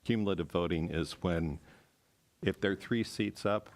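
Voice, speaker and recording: Deep-voiced American man explaining plainly. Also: normal speed, slight background noise. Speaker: meeting participant addressing the chair. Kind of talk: informal explanation in a public meeting.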